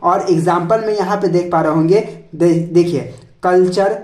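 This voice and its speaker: A man's voice: high voice, fairly even intonation, moderate pace, darkish tone. A man teaching English spelling in a video lesson. He spells words out letter by letter, asks each answer back as a question, and keeps adding a filler tag to check in. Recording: roomy echo.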